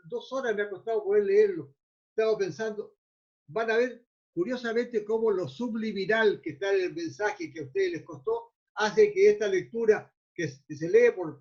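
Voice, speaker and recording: Through muffled, lo-fi audio comes a man teaching a mindfulness class, his voice fairly high and a touch mellow. He lectures in a wandering fashion, getting caught on repeated words as he gropes for his next phrase.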